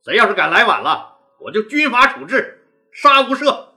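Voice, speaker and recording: A man's voice: sits high, sing-song, moderate pace, heavily acted. A man voicing a stern older rebel leader who lays down harsh orders with force. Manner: forceful, threatening. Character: stern, commanding older male rebel chief.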